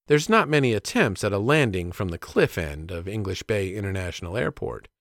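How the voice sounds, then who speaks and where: Male storyteller, plainspoken, animated intonation, dead-dry close mic. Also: lowish voice, brisk, no room sound. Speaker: storyteller and father. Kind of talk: scripted narration of a personal story.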